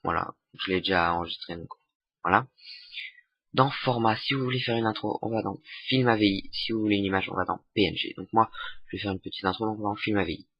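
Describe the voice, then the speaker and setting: A young man giving a casual software tutorial, hesitant with many fillers and restarts. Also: on the low side, fast, husky, no echo. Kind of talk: casual screen-recorded tutorial. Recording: dull lo-fi desktop mic.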